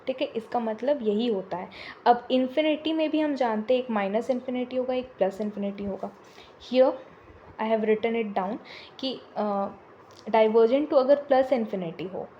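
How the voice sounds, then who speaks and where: Lady teaching maths, super slow, soft mellow voice, kinda muffled recording. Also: a little high, slight background noise. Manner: mixes Hindi and English, slow deliberate explaining, filler pauses. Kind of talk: explaining a maths lesson.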